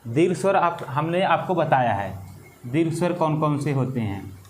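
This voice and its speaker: Hindi teacher drawing out vowel sounds. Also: male voice, fairly high pitch, animated, moderate pace, slight background noise. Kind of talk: exam-prep lesson.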